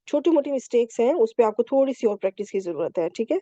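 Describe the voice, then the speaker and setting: A woman's voice: fairly high pitch, lively intonation, dark tone, no echo, lo-fi sound. A woman teaching Quranic Arabic grammar in an online class, explaining patiently step by step and checking in often with her students. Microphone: computer mic on a video call.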